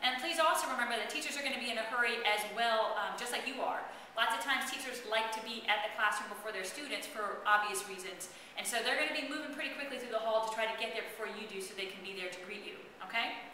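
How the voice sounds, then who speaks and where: A woman school administrator speaks to students in a brisk, earnest, direct way, her voice bright and a little high. She sits well back from the microphone in a strongly echoing school room, with faint noise underneath. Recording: echoey room, far from mic, faint noise.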